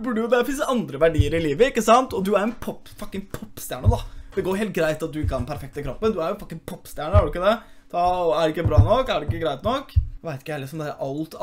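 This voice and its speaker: A young Norwegian man with Oslo street slang and a fairly high voice rants casually at his viewers. He swears freely and keeps calling out to "the guys". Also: a little hiss or hum. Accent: Norwegian (Oslo youth slang). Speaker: YouTuber reacting to news. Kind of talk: casual rant.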